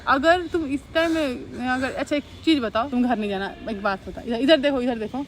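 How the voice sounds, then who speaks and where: A woman's voice: high-pitched, a little fast, slight background noise. A young woman, playing an older sister who coaxes and scolds over and over in a family skit. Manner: coaxing, scolding, repeating herself.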